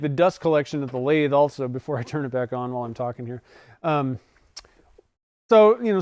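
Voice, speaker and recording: Smooth-voiced man in his forties, rambling. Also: a little high, no room sound, clean studio sound. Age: 40s. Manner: rambling, self-correcting, chuckles often. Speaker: livestream host. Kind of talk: casual livestream chat. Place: home workshop.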